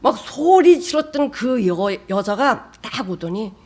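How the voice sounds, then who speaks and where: A woman pastor preaching a sermon in a fairly high voice. She drives her points home with sudden loud, rising bursts, then drops to quiet, almost whispered asides. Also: big pitch swings, unhurried. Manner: emphatic, with sudden rises in pitch and loudness.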